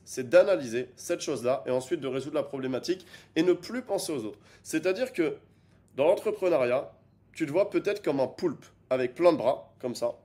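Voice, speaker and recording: A young man coaches an energetic online business lesson in a fairly high voice, emphatic and repeating points for stress.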